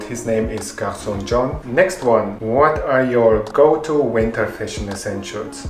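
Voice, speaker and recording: A fashion YouTuber in his twenties, a native Spanish speaker raised in Germany, narrates a Q&A vlog. He reads each fan question aloud and then answers it in a calm, even way. His voice is on the low side, and the sound is roomy.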